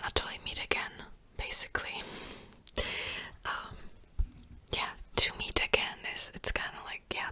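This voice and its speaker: A language teacher whispers softly close to the mic, slowly repeating words during a gentle lesson.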